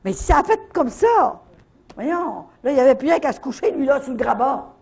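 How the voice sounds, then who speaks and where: At a retreat, an older woman with a Canadian French accent gives a faith testimony as the speaker, telling it in a lively way packed with little verbal tags. She speaks at a moderate pace in a high, creaky voice.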